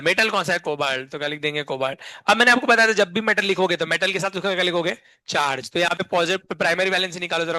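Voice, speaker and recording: High, bright-voiced chemistry teacher drilling class. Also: male voice, no echo. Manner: constantly quizzes the class with repeated questions; drills mnemonics in a playful sing-song. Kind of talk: classroom lecture.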